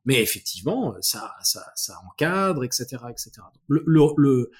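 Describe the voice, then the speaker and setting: A man's voice: mid-range voice, very animated, moderate pace, breathy edge. A man speaking as an expert guest in an interview, explaining ideas thoughtfully with frequent restarts and repeated words.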